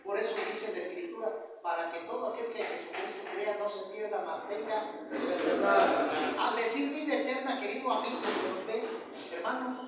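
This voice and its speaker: A man delivers a sermon in a church hall, throwing questions out to his congregation and checking that they follow him. He sounds distant from the microphone, with a long, roomy reverb. Steady background noise runs under his voice. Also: sits high, fairly quick. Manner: call-and-response questions, checks understanding with "¿verdad?" and "¿me explico?". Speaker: preacher. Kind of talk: sermon to a congregation and online viewers.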